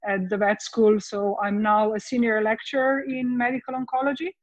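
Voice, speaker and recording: A Slovenian woman with a Slovenian accent, a veterinary oncologist guest speaking from her living room in a measured way, with frequent ums. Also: a little high, little pitch movement, no room sound, muffled recording. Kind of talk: casual podcast chat.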